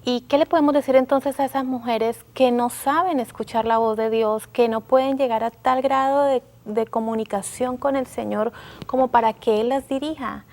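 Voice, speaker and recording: A woman's voice: fairly high pitch, fairly even intonation, normal speed. Affirming woman hosting a talk show. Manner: warm, affirming interviewer.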